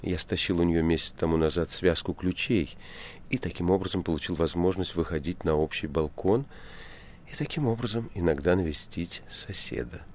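A male narrator voicing a nervous, secretive male asylum patient in his late thirties who whispers and then bursts into excited pleading. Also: low-pitched, moderate pace, slight background noise. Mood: hushed, wry.

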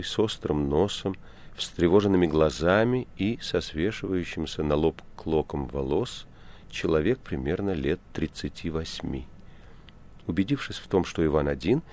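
A man with a very low, deep voice reads a novel aloud. His narration is measured and expressive, in a steady audiobook style.

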